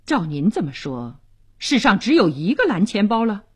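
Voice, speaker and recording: A woman's voice: mid-range voice, big pitch swings, moderate pace, husky. A woman voicing a cold, proud count who speaks curtly, in a radio storytelling reading. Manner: curt and stiff.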